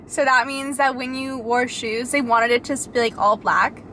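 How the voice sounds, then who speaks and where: A young woman talks casually from inside a parked car, her voice high and bright. She is bubbly and excitable, breaking into squeals now and then. Faint background noise sits under her. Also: normal speed. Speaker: vlogger reacting to a show. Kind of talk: casual reaction chat. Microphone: camera mounted facing her.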